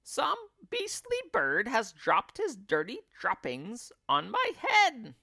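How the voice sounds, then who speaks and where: A man's voice: extremely high pitch, wildly swooping pitch, slow pace, creaky, sharp tone, no echo, clean studio sound, pitched above the performer's own voice, heavily acted. A man voicing a nasty, hysterical wife from a children's storybook, screechy and scolding. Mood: disgusted.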